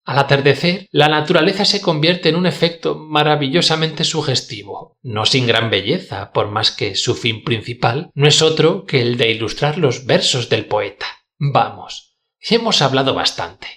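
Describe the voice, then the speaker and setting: A man reading a literary dialogue aloud in a measured, declamatory way with formal diction. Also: medium pitch, animated, sharp tone. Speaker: audiobook narrator.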